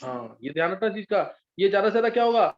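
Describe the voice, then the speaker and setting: A man with a high voice teaches a chemistry class, walking through structures patiently and pausing again and again to ask if the students understand. The recording sounds dull and lo-fi. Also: big pitch swings. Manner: patient, checks understanding often. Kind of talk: live online class teaching.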